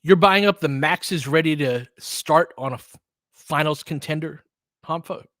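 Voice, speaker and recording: This basketball play-by-play host has a fairly high, slightly bright voice and a moderate pace. He keeps the live show casual, chatting with listeners in slangy, opinionated language, and the studio-quality audio has no room sound.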